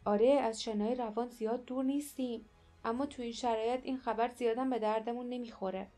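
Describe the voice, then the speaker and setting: Woman doing a grim warrior man speaking in a low hush, storybook read. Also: steady tone, soft background music, natural voice.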